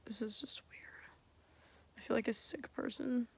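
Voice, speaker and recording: A woman's voice: fairly high pitch, steady tone, measured pace, creaky, slightly rough, in a whisper. A young woman chatting casually and candidly after wisdom teeth removal, drowsy, with a swollen mouth and a lisp. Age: young adult. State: tired, drowsy from medication. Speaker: vlogger. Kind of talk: casual chat.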